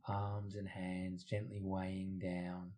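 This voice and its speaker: A man leads a guided meditation in a fairly low, very mellow and relaxed voice, speaking at a slow pace. He reads scripted instructions soothingly, taking the listener through each step.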